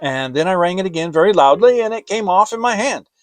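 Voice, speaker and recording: A man's voice: high voice, lively intonation, faint music behind, voice pushed up. A man voicing a pompous, long-winded owl in a storybook, with emphatic, lecturing delivery. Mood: breezy, loud. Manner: emphatic, lecturing, drawn-out words.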